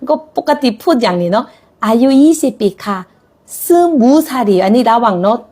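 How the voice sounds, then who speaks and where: A woman's voice: on the high side, expressive, fast talker, a little mellow. A woman teaching a Korean language lesson, speaking patiently and encouragingly as she models example sentences.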